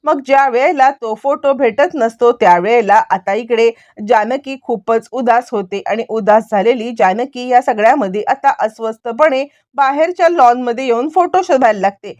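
A woman retelling a TV serial episode as a brisk story recap, with many repeated fillers. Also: a little high, a little mellow, no room sound.

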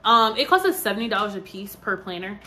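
A tired twenty-something woman talks casually to her vlog audience, meandering through fillers and asides. Her medium-pitched voice is sing-song, fast, pushed, and bright, with slight background noise.

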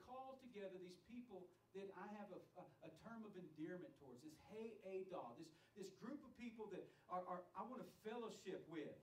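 A man's voice: high-pitched, far from the mic, a little hiss or hum. A man teaching a sermon-style lecture to leaders, emphatic and asking the room direct questions. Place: training center classroom. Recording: echoey room, voice from off the mic.

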